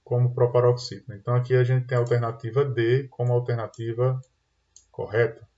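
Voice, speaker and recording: A Brazilian man teaches grammar over a computer mic, walking through each answer patiently and checking understanding as he goes. His voice sits at a medium pitch. The sound is dull and lo-fi. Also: flat delivery, brisk, warm tone. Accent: Brazilian Portuguese. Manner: explanatory, tag questions "tá?" and "né?". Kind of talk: online exam-prep lesson.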